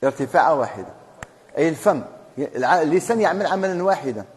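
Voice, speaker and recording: A man's voice: a little high, lively intonation, quick pace, big-room sound. A man with an Algerian Arabic accent teaching a classroom lesson on Quran recitation rules. He quizzes his students and then answers his own questions. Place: mosque hall.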